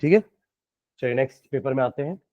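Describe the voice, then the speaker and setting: A man with an Indian accent gives a classroom science lecture, solving problems step by step and quizzing his students. His voice is mid-range and his pace quick; the recording is muffled but has no echo.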